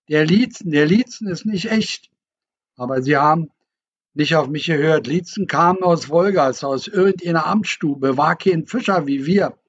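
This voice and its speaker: A man voicing a hearty, teasing old fisherman who talks in a booming, folksy dialect, on a dull lo-fi recording. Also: slightly rough.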